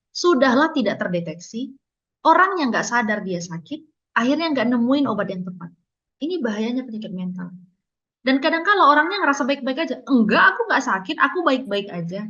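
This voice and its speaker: A woman's voice: medium pitch, fairly bright tone, lo-fi sound. A woman giving a casual webinar talk on emotional wellbeing, chatty and encouraging, acting out little dialogues and laughing often.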